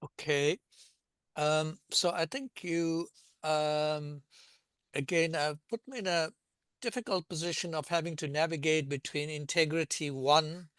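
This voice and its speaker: A man in his sixties from South Africa speaks as a guest on a panel, weighing his words with small pauses and hesitations. His voice sits a little high for a man and comes across smooth and resonant. The sound is dry and close, with no room around it. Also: fairly even intonation, a bit bright, no echo. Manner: measured and reflective, with hesitations. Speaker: linguistics professor, guest. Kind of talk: thoughtful panel discussion.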